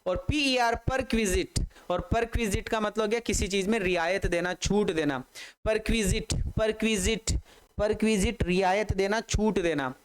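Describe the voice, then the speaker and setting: A man's voice: high-pitched, moderate pace, clean tone. A man with an Indian accent teaching English vocabulary in Hindi, repeating each word many times and spelling it out letter by letter. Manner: drills students to repeat aloud. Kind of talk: online vocabulary lesson.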